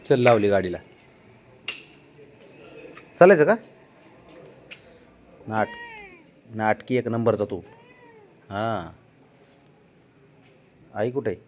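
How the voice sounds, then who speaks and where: A man speaks slowly and patiently to his cat. He coaxes and pleads with it, and scolds it gently, in casual talk. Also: lowish voice. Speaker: pet owner.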